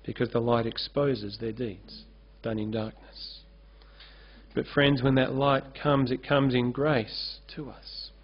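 Taking his time, a male pastor with a mid-range, steady voice gives an earnest sermon at a lectern, gesturing freely on a church stage backed by a curtain. A lectern-mounted microphone picks him up in dull, lo-fi quality.

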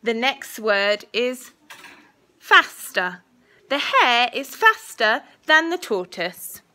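A young woman reads a school dictation as a primary teacher. Her voice is fairly high and bright, with lively swings in pitch. She enunciates deliberately and repeats the target words. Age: young adult. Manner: slow, deliberate enunciation, repeating each word. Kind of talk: school dictation, spelling test. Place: small indoor classroom. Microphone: phone at arm's length.

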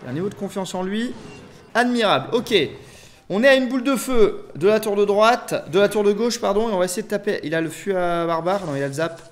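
A young man commentating his own mobile strategy game, swinging between low muttering and loud, swearing outbursts. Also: fairly quick. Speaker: gaming YouTuber. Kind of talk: live gameplay commentary. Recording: faint game music behind.

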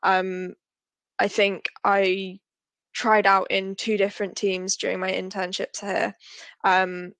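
Chatty young woman with flat pitch. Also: takes it slowly, no echo. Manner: chatty, with many ums and likes. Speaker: graduate engineer. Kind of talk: casual advice to students.

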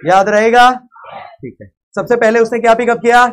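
An Indian man lecturing in a hall, his voice pitched high and carrying. He drives the lesson with loud emphasis and keeps firing check questions at the class. A faint murmur of students sits behind him. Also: fairly even intonation, normal speed, a faint crowd, a little hiss or hum. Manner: mixes English phrases into Hindi; loud and emphatic, sometimes calling out. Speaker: accounting lecturer.

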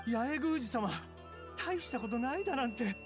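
In a Japanese anime game, an actor voices an earnest, anxious townsman, a younger brother who pleads very politely and formally. The high, animated voice moves at normal speed in a pleading mood, with music behind it.

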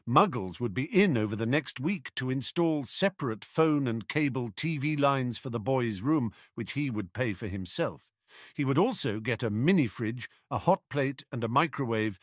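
Expressive male audiobook narrator, dry close voice. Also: medium pitch, dry recording. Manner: expressive storytelling. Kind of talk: fan-fiction audiobook narration.

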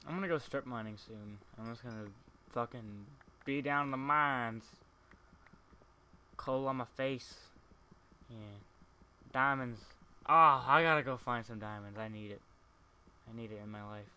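A man's voice: mid-range voice, a little slow, long pauses, sharp tone, clear, resonant tone. A man chatting casually and teasing his friends while playing a block-building game, swearing freely. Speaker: let's play gamer. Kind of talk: casual gaming chat.

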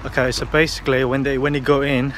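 Talking fast in a flat, slightly bright, medium-pitched voice, a man vlogs casually to a phone at arm's length, rambling with lots of fillers and restarts. He's outdoors on city streets and partly in a car, and the phone recording clearly picks up street and car noise.

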